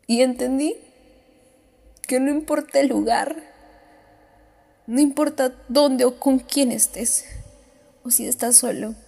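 A woman's voice: sits high, takes it slowly, creaky, pauses often, dark tone, breathy edge. A woman podcast host, crying as she speaks, giving a heartfelt motivational monologue with repeated self-affirming phrases. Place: on the way home.

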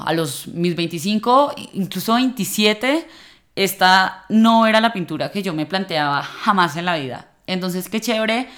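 A woman in her late twenties talking reflectively to the camera about relationships, in a relaxed conversational way with fillers and restarts. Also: mid-range voice. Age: late 20s. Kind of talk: personal vlog monologue.

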